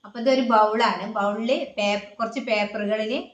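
A woman's voice: mid-range voice, fairly even intonation, moderate pace, dull audio. A woman hosting a home vlog in casual chat, explaining the game's rules in a chatty way. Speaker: vlog host. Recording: roomy echo.

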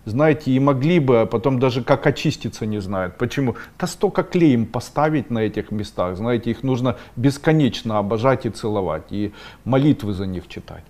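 Speaking at a moderate pace in an expressive, mid-range voice, a middle-aged webinar host on esoteric topics reads viewers' questions aloud. He answers them bluntly and sometimes scolds with sharp outbursts that rise in pitch.

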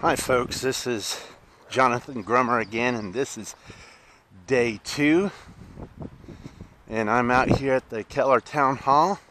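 Brief: middle-aged guy, slow halting fishing vlog talk, steady mid voice, outdoor noise. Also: medium pitch, poor audio. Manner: slow, halting, many "uh"s and restarts. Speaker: fishing vlogger. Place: outdoors by a park pond. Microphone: camera on a stand, then head-mounted camera.

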